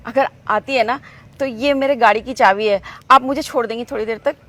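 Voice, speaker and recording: A woman's voice: fairly high pitch, a little fast, fairly bright tone. A woman playing a polite middle-aged mother who patiently asks a stranger for help in a short acted skit. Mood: pleading.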